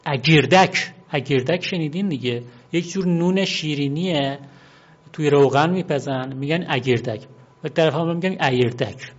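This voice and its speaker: Man explaining word origins, muffled recording. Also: fairly high pitch. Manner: unhurried and explanatory, often pauses to repeat and spell out words. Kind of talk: explanatory monologue. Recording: dull lo-fi recording.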